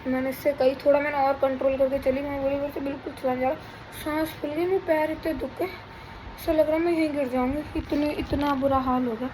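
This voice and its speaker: A woman's voice: high-pitched, steady tone, a little fast, noisy background. A young pregnant woman, chatting casually in a rambling home vlog. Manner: chatty, rambling, teasing her husband. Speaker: vlogger. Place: home indoors.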